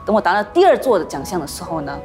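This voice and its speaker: A woman actress, the guest in a podcast interview, telling stories with animated acted-out voices. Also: on the low side, very fast, music in the background. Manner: animated storytelling, acts out quoted voices.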